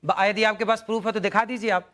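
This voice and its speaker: High-voiced preacher defending himself on TV. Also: male voice, level tone, fast, a bit bright. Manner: defensive, preachy, quotes sayings and scripture, addresses others as brother. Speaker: religious preacher, debate guest. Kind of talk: televised debate.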